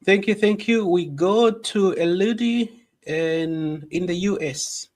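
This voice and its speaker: A man with a fairly high voice moderates an online discussion panel. He introduces each guest in a formal way and repeats his thanks. The sound is ordinary video-call audio. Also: slow pace. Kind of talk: webinar moderating. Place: home.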